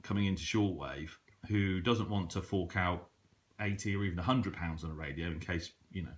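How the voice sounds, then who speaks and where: Sitting indoors at a table, a British hobbyist radio reviewer gives a casual, unscripted product review. His low voice keeps a normal speed, and his delivery is hesitant and conversational.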